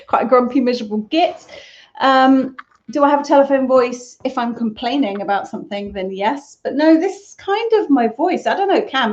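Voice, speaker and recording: A woman's voice: a little high, a little mellow, highs cut off. A woman hosting a casual crochet Q&A live stream from home, chatty, rambling and self-deprecating. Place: at home, on a sofa.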